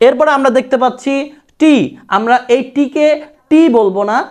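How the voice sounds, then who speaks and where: ধীরে ধীরে উচ্চারণ শেখানো পুরুষ শিক্ষক. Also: male voice, very high-pitched. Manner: drills phrases slowly, repeating words. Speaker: English pronunciation teacher. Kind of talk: spoken language lesson.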